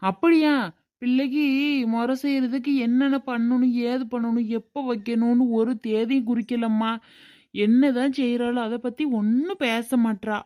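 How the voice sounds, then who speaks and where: A woman's voice: fairly high pitch, fairly even intonation, moderate pace, dark tone, no echo, clean studio sound, lightly acted. A woman voicing a stern middle-aged village father in a cartoon drama, questioning and scolding his family. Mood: grumbling.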